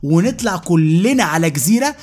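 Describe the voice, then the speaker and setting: A podcast host with an Egyptian Arabic accent rants through a comic monologue, mocking and exasperated, stumbling and restarting as he fires off lines. His voice is high-pitched, animated, and a little mellow.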